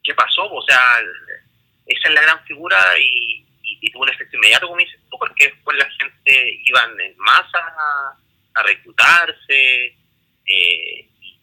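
A man's voice: mid-range voice, expressive, unhurried, sharp tone, husky, poor audio. A man with a Chilean accent casually discussing history, rambling with many restarts and fillers. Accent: Chilean Spanish.

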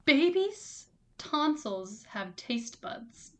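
A woman's voice: high voice, very animated, extremely slow. A woman co-hosting a casual chat show, reading out facts with playful, giggly asides. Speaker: podcast co-host.

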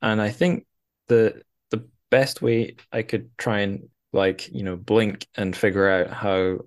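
A podcast host with a lowish voice chats casually about fiction in a book discussion, feeling for his words as he retells the story with some animation. He speaks slowly, with fairly even intonation.

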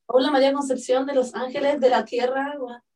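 A woman's voice: sits high, flat delivery, fairly quick, a little mellow, far from the mic. A Chilean woman co-hosting a podcast, teasing and giggling in casual chat. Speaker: podcast co-host. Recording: sounds set back from the mic.

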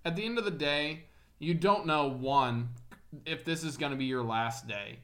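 A man's voice: fairly high pitch, normal speed, fairly bright tone. A man in his twenties co-hosting a podcast, talking in a laid-back, reflective way and swearing casually. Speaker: podcast co-host.

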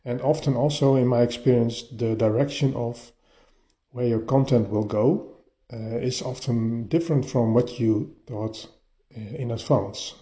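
A man's voice: medium pitch, mellow. Man talking into his phone, lo-fi sound. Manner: halting, often repeats words as he restarts. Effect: voice recorded on a phone. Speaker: podcast host. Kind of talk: casual solo podcast monologue. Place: partly furnished bedroom, a bit echoey. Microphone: phone voice-note app. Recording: lo-fi phone recording, echoey room.

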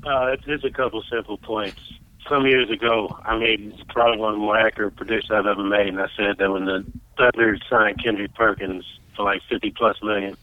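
A man calling in by phone to a sports talk show, speaking in a measured way with many "you know" fillers. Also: on the low side, fairly even intonation, no echo. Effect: heard over the phone. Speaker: sports talk call-in guest. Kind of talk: casual sports chat. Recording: tinny dry phone line.

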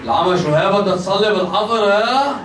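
A man's voice: high voice, expressive, fast talker. A man with a Lebanese Arabic accent playing a baffled, irreverent street guy in comic storytelling, on a noisy, distant recording. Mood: amused, baffled. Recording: noisy, echoey, distant microphone.

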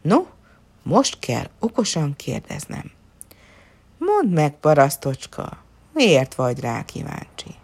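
A woman's voice: deep voice, wildly swooping pitch, vocal fry, pauses often, darkish tone, breathy edge, full character voice. A woman voicing a greedy, proud lord who speaks in a wheedling, coaxing way. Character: greedy, proud male lord, fawning then furious.

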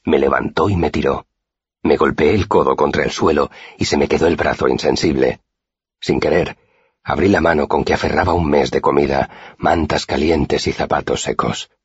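A man narrating an audiobook in a steady, measured first-person telling, in a dull, dry recording. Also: very deep voice, husky, no room sound.

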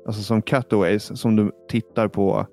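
A man's voice: fairly low pitch, vocal fry, soft background music. A man hosting a casual gaming podcast, telling stories with lots of fillers and restarts. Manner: animated storyteller, many fillers. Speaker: podcast host.

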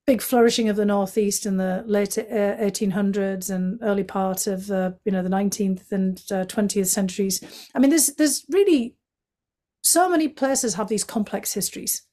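A woman's voice: mid-range voice, steady tone, moderate pace, mellow. Middle-aged woman w/ a northeast english accent, talking candidly as a guest, lots of "you know"s. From County Durham, England. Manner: fluent and candid, with frequent fillers and restarts. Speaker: guest, former intelligence analyst. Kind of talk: conversational interview answers.

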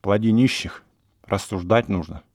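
A man's voice: fairly low pitch, unhurried, a little mellow, no echo, clean studio sound. A man voicing a plump young German baron who coolly lectures and refuses to marry. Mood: cold.

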